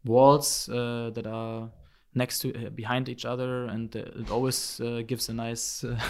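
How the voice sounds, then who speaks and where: Hesitant man, halting speech. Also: medium pitch, level tone, slight background noise. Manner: hesitant, many fillers and restarts. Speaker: guest photographer. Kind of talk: casual interview answers.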